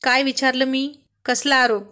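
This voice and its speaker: Woman reads a sharp-tongued young male boss, loud and scolding, a bit high. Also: normal speed, close to an everyday voice. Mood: angry. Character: stern angry male office boss, young husband.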